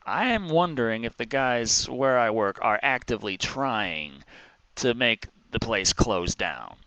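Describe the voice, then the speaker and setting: An exhausted man rambling casually in an exasperated, complaining rant, with halting pauses. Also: medium pitch, big pitch swings, sharp tone, no echo, poor audio. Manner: exhausted, weary, with heavy sighs and halting pauses. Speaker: vlogger.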